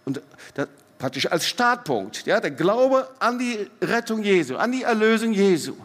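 A middle-aged man preaching a sermon, swinging between loud emphatic rises and soft quiet drops, often putting questions straight to the congregation. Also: on the high side. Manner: asks the congregation direct questions. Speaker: pastor. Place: church hall. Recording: long church hall reverb.

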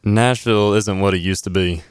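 A man's voice: fairly low pitch, fairly even intonation, moderate pace, clean tone. A young American man, a radio show intern, chatting casually on air. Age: young adult.

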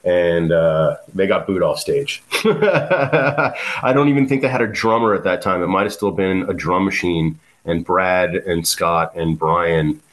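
A man's voice: low-pitched, animated, measured pace, fairly bright tone. A man, a guest musician telling stories in a casual interview, rambling with many fillers and restarts. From South Florida.

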